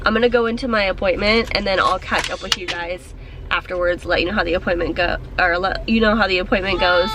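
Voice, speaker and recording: A young woman vlogger with a cold talks casually to her camera from a parked car, her nose stuffed up and congested. Her voice sits fairly low with fairly even intonation, and she speaks quickly and chattily, full of ums and likes, laughing a little. The background is noisy.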